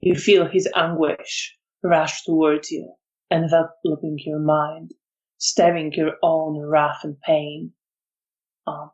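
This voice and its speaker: A woman running a tabletop horror game as storyteller, narrating scenes in a measured way with frequent ums. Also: deep voice, darkish tone, dull audio.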